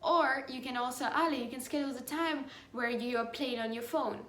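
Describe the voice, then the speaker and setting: A woman's voice: sits high, fairly quick, a bit bright. Upbeat British-accented woman, echoey room. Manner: upbeat, encouraging, many "like" fillers. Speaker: life coaching program host. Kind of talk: motivational vlog talk to followers.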